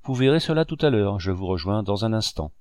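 A man's voice: on the low side, lively intonation, fairly quick, darkish tone, clear, resonant tone, no room sound, clean studio sound, lightly acted. A man voicing a kindly male army chief of staff who speaks in a reassuring way, in an audiobook reading.

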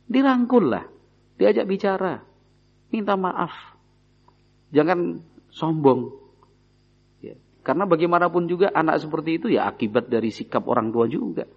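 Male preacher with a Javanese accent and a gravelly voice, chatty delivery that acts out quoted speech, muffled lo-fi recording. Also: fairly high pitch, animated, moderate pace, long pauses. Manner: conversational, acts out parents and children in quoted voices. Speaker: Islamic preacher. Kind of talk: religious study lecture. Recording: dull lo-fi recording.

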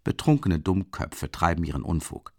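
A man as a low-voiced soothing father. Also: sing-song, moderate pace, no echo, studio quality. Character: calm middle-aged father soothing his son.

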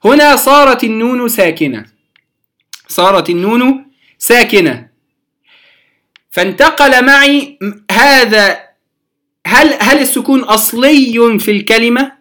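A man with an Egyptian accent teaching a beginners' tajweed lesson, explaining rules with everyday examples and slowing down to recite verses. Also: very high-pitched, bright, forceful tone.

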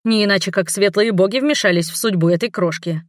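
A woman's voice: medium pitch, fast, no room sound, lightly acted. A bossy, hot-tempered nun, as a woman acts her out in a fantasy audiobook. She talks in a raised, insistent and scolding voice. The sound is dry and close. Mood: effusive.

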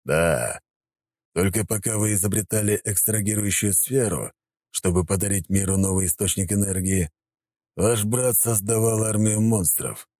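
A man voicing a calm, cold male emperor who speaks in a slow, measured way. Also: lowish voice, no echo, pitched above the performer's own voice.

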